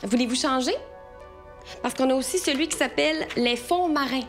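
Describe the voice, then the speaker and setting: A woman with a Québécois accent playing a relaxation therapist with a lively, soothing voice. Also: high-pitched, normal speed, soft background music.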